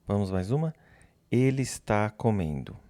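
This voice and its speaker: A man teaching English grammar, speaking slowly and patiently, repeating example phrases and pausing so learners can answer. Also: fairly low pitch, very animated, dark tone, no echo. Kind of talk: slow, patient classroom explanation.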